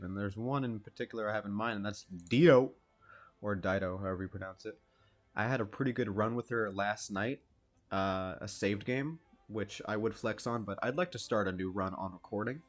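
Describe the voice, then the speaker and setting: A man hosting his own gaming channel, giving laid-back, self-deprecating gameplay commentary and swearing freely as he plays. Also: on the low side.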